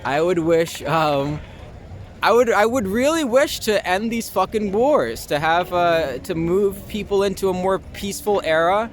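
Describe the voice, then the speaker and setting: A young adult American man from Long Island, New York, with a higher-pitched voice and lively intonation, speaks a little slowly. He's an actor and filmmaker giving a casual street interview outdoors in the city, recorded over heavy traffic noise.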